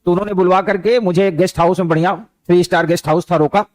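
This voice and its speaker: A man's voice: sits high, fairly even intonation, quick pace, a little mellow, no room sound. A man teaching a motivational lesson, speaking conversationally and weaving in anecdotes and stray English words. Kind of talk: motivational lecture with storytelling.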